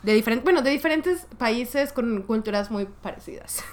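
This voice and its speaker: A woman's voice: on the high side, expressive, normal speed. A young woman hosting a casual chat, laughing often and restarting her sentences with many fillers. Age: young adult. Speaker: podcast host.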